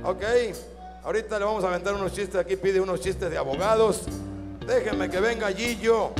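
A man, emceeing a live ventriloquist show in hurried announcer patter. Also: high-pitched, creaky, in a large hall.

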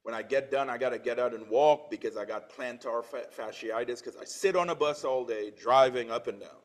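This man from Trinidad, in his forties, gives a church sermon at a brisk clip in a medium-pitched voice. He swells with emphasis as he reads scripture and drops into plain, conversational remarks between passages.

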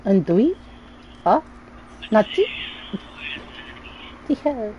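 A woman's voice: mid-range voice, very animated, extremely slow, dull audio, a little hiss or hum. A young woman streaming a video game, chatting casually, giggling often and breaking into sing-song bits. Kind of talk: casual gaming chat.

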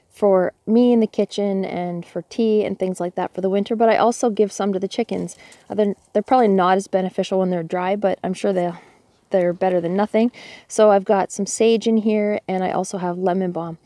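A Canadian homesteading vlogger in her forties films herself on a handheld phone outside by a snowy hen house, casually narrating how she does her chores. Her mid-range voice moves at a moderate pace with no room sound, and she sounds relaxed and chatty, thinking aloud.

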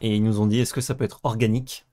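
A young man co-hosting a card game video, chatting casually and playfully with bursts of excited exclamations. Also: fairly low pitch, quick pace, a little hiss or hum. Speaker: co-host and card game player. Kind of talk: casual gameplay chat.

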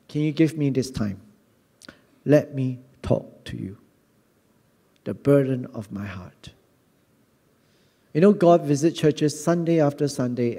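A middle-aged man with a Singaporean English accent preaching a sermon on a church stage into a handheld mic, earnest and animated, often repeating words. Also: medium pitch. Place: large church hall on a stage. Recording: long hall reverb.

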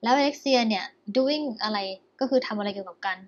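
A woman's voice: a little high, lo-fi sound, slight background noise. Chatty Thai woman teaching English listening. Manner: chatty, slow English reading with Thai explanation. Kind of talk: explaining a listening exercise.

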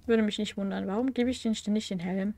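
Her medium-pitched voice is warm and fast, with fairly even intonation, as this young woman with a cold hosts a let's play from home. She offers casual, wry commentary full of fillers and self-corrections while reading quest text aloud.

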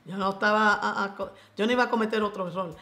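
A Puerto Rican woman giving a lively faith testimony as a radio guest, acting out the voices in her story and slipping into English. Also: mid-range voice, quick pace, roomy sound. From Puerto Rico. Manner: animated storyteller, acts out quoted voices, mixes in English.

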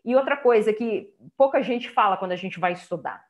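A woman's voice: mid-range voice, fairly quick, dull audio. A Brazilian Portuguese-speaking woman giving an online lecture as an English teacher, explaining step by step and checking in with listeners. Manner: explanatory, chatty, many checking tags like "tá?" and "ó".

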